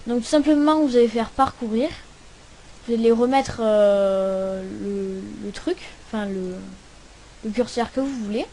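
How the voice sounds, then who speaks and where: A young woman with a high voice walks through a casual computer tutorial. She talks hesitantly, trailing off and restarting often. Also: measured pace, warm tone, a little hiss or hum. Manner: hesitant, many fillers and restarts. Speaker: tutorial host. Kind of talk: casual screen-recording tutorial.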